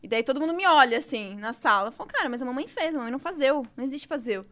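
A woman in her thirties, a podcast guest in casual chat, telling animated stories about her small daughter. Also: high voice, racing.

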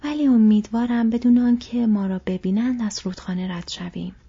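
A woman doing Frodo, a soft burdened hobbit. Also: on the high side, steady tone, breathy edge. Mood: troubled. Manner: soft, troubled. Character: young male hobbit, thoughtful and burdened. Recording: dull lo-fi recording.

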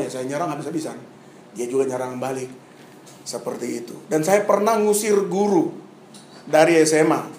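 A man from Papua telling a personal testimony story to an audience, dramatic, acting out scenes and swinging between loud bursts and hushed asides. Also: a little high, roomy sound, a little hiss or hum. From Papua, Indonesia. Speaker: speaker giving a personal testimony.

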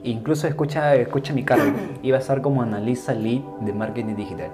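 A man with a Peruvian Spanish accent, a podcast host telling a work anecdote in a rambling, casual way that trails off quieter at the ends of phrases. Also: medium pitch, fairly even intonation, fast talker, over music. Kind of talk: casual storytelling.

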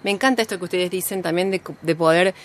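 A woman's voice: on the low side, fast. Effusive woman host from Peru. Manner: effusive, fills with tag questions. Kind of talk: casual chat.

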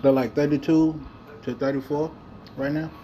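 A man with a somewhat high voice talks in a loose, rambling way, swearing freely and restarting his sentences. He chats casually about his game, and a faint hum of room noise sits behind him. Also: level tone, moderate pace. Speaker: video game player. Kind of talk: casual gameplay commentary.

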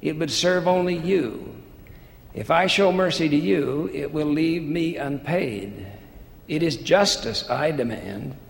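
A man's voice: on the high side, slow, creaky, pitched above the performer's own voice. A man reading a stern unbending creditor. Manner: firm, unbending. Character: stern male creditor demanding justice. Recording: echoey hall with faint hiss.

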